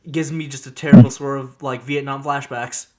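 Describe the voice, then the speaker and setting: A man hosting a casual gaming podcast, giving his opinions with a volume that jumps between loud and quiet. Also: mid-range voice, fairly even intonation, brisk. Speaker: podcast host.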